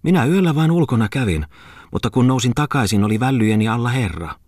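A man's voice: medium pitch, lively intonation, a little mellow, dry recording, clean studio sound, pitched above the performer's own voice, close to an everyday voice. A male reader voicing a young country maid defending herself. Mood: defensive.

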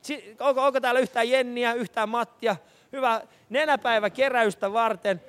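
High-voiced radio host out on the street. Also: male voice, smooth. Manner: energetic, laughing, calling out names to passers-by. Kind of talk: live charity radio broadcast, street stunt. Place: city street outdoors, passing traffic. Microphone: handheld mic.

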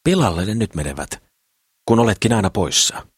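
A man's voice: fairly low pitch, big pitch swings, breathy edge, no room sound, clean studio sound, pitched above the performer's own voice, full character voice. A man voicing a suspicious, pious old woman who scolds and disapproves. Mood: grumbling.

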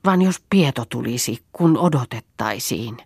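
A woman reading the part of a quiet, patient farm master in an audiobook, lowering and slowing her voice. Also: animated, gravelly, husky, dry recording, studio quality, heavily acted. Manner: low, quiet, slow.

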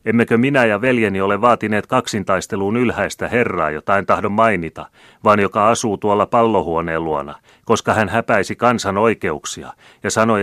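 A man reading the part of a cunning, fearless count who loudly rouses an angry crowd. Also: lowish voice, no echo, clean studio sound, pitched above the performer's own voice, close to an everyday voice. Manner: loud, rousing oratory. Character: cunning, fearless male count rousing a mob.

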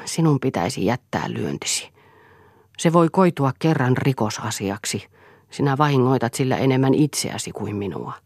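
A woman's voice: rumbling low, lively intonation, a little mellow, breathy edge, no echo, clean studio sound, exaggerated voice. A woman reading an audiobook, voicing a tense, controlled, reproachful wife who speaks firmly and with restraint. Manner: firm, restrained, pleading. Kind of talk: audiobook character voice.

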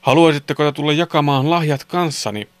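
A man's voice: on the high side, steady tone, no echo, voice pushed up, natural voice. A man reading a children's story, doing a friendly, apologetic Santa Claus. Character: kindly male Santa Claus.

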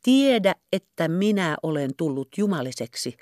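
A woman's voice: fairly low pitch, sing-song, a little mellow, dry recording, studio quality, voice pushed up. Brief: coy pious seamstress, teasing and tart, read by a woman narrator.

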